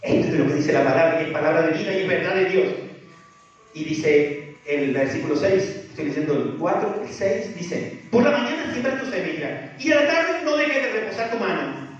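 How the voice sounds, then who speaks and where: A man's voice: high voice, very animated, moderate pace. A man preaching a sermon, asking the congregation rhetorical questions. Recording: echoey, distant, dull church sound with faint music.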